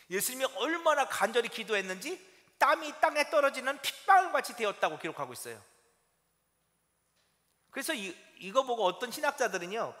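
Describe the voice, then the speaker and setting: A male pastor preaching a Sunday sermon in a church, animated and asking his congregation rhetorical questions. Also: extremely high pitch. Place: church sanctuary. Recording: long church-hall reverb.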